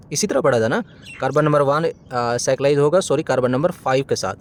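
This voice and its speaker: A man's voice: mid-range voice, darkish tone, a little hiss or hum. Self-correcting male chemistry lecturer. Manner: poses questions and answers them himself, often corrects himself mid-sentence. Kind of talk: classroom lecture explaining a diagram.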